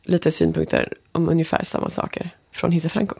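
A woman's voice: fairly low pitch, steady tone, brisk, vocal fry, darkish tone, slightly rough. A woman who is a native Swedish speaker, hosting a podcast in a casual, conversational interviewing style.

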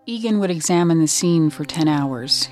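A reporter tells a true-crime story in measured, scripted narration at a mid-range pitch. Soft music plays quietly beneath the voice. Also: expressive.

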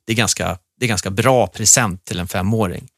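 A man's voice: on the low side, fairly bright tone, dry recording. Chatty man with a dry close mic. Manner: chatty storyteller, many restarts. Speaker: podcast co-host. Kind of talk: casual chat.

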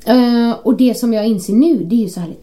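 Animated woman telling a story. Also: fairly high pitch. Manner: animated storyteller, acts out quoted texts and calls. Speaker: podcast co-host. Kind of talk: casual chat.

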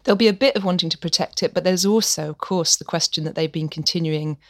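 A woman co-hosts a culture podcast in easy, opinionated conversation, laughing often. Her voice sits very low for a woman. The recording is close and dry. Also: fast, dry recording. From England. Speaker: podcast co-host. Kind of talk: casual chat.

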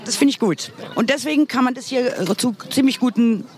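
A woman's voice: fairly high pitch, brisk, darkish tone. A woman hosting a casual street reportage, chatty and rambling with a playful way of talking. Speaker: podcast reporter and host. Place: outdoor urban public square.

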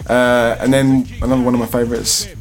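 A man's voice: mid-range voice, flat delivery, fairly quick, soft background music. A British-accented man chatting casually, enthusiastic and given to swearing. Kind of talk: casual chat.

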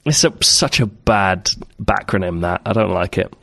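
A man's voice: on the low side, lively intonation, normal speed, creaky, pushed and bright. A man co-hosting a comedy podcast, reading news stories aloud and riffing on them with frequent laughter. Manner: riffing, laughs often, mock-dramatic readings. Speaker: podcast co-host.

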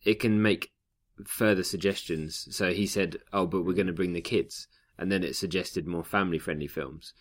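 Deep-voiced man hosting a podcast. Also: steady tone, moderate pace, hardly any pauses. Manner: explains news in long loose runs, acts out quotes. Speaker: podcast host. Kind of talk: casual tech podcast chat.

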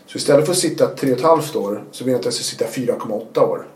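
A man, a guest telling his story in a casual interview, animated and acting out what people said. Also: mid-range voice, roomy sound. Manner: animated, acts out quotes with sudden loud bursts.

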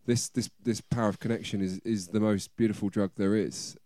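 A man's voice: lowish voice, fairly even intonation, fairly quick, warm tone, dry recording, clean studio sound. A man in reflective, earnest conversation as a host, repeating phrases as he searches for the right words.

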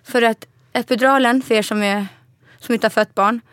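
A woman's voice: fairly high pitch, fairly even intonation, fairly bright tone, no room sound, clean studio sound. A woman, a podcast guest, telling a personal story with emotion, acting out the voices of the people she quotes and laughing often.

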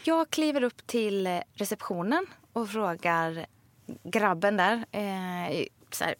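A woman's voice: mid-range voice, no echo. A woman co-hosting a podcast in a studio, telling a long story in a casual chat and acting out the retorts in it. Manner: lively storytelling with quoted retorts. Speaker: podcast co-host.

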